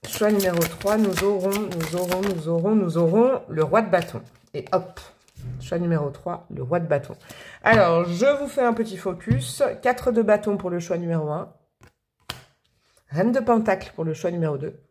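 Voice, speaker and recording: A woman's voice: lowish voice, moderate pace, darkish tone, slight background noise. A woman from France hosting a casual tarot reading, chatty and bubbly with slangy, affectionate talk. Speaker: tarot reader and channel host.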